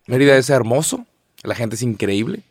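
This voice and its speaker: Young man, Mexican accent, chatty podcast co-host, mid-pitched voice, dry close sound. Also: sing-song, normal speed, vocal fry, slightly rough, no room sound. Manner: slangy, storytelling, laughs often. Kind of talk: casual podcast chat.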